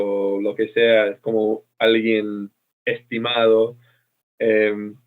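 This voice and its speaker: Slow hesitant man over a tinny line. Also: medium pitch. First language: English. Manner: hesitant, many ums, careful learner's Spanish. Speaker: podcast co-host. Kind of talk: casual chat.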